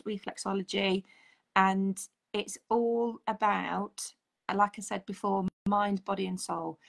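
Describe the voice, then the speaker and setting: A woman's voice: mid-range voice, gravelly. A woman in her forties, a holistic therapist, chatting earnestly as a guest on a video call. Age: 40s. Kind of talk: casual video-call chat. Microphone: video call, audio only.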